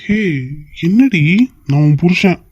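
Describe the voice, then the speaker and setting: A woman's voice: fairly low pitch, lively intonation, slow, a little mellow, husky, dry recording, dull audio, heavily acted. A woman voicing a young husband in a cartoon skit, coaxing, apologetic and playful with his wife. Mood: pleading. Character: young husband, pleading and teasing.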